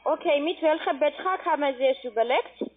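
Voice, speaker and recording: A call centre sales agent with a high-pitched voice delivers a phone sales pitch fairly quickly, constantly tacking on little checking tag questions. German isn't her first language, and her foreign accent comes through over narrow, muffled, telephone-like sound.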